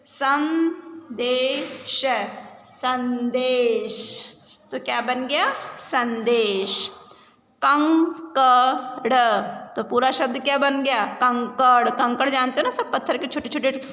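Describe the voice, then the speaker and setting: High-voiced woman teaching young children. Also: fairly even intonation, sharp tone. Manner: sounds out words slowly, asks and answers her own questions. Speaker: primary school teacher. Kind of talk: online class lesson. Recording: roomy reverb, faint background noise.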